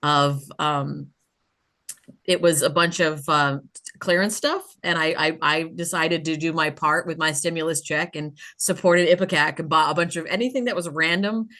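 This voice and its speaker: A woman's voice: deep voice, moderate pace, pushed and bright. A woman in her forties hosting a podcast, talking in a chatty, rambling way with lots of fillers. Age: 40s. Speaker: podcast host. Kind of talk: casual interview chat.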